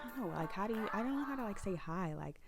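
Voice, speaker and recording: A woman's voice: medium pitch, expressive, fast, over loud music. A young woman of about twenty co-hosting a podcast, chatting playfully with lots of filler words. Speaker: podcast co-host. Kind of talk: casual chat.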